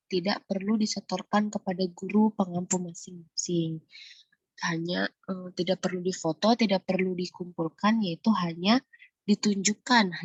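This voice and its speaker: A woman teaching a recorded religion lesson to primary pupils, gentle and patient, with many filler pauses. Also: on the low side, husky, dry recording. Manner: asks questions and answers them herself. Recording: dull lo-fi recording, dry.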